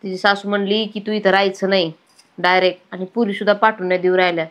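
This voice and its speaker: A woman's voice: medium pitch, little pitch movement, quick pace, highs cut off. A woman, chatting worriedly as a daughter-in-law in a village sketch. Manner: chatty, worried, rustic dialect. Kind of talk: village comedy sketch acting.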